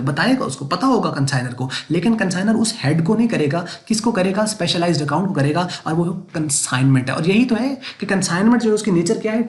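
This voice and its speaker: A man teaching accounting in a recorded lecture. He keeps asking rhetorical questions and answering them himself, and he repeats each point for emphasis. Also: on the high side. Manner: emphatic, repetitive explaining.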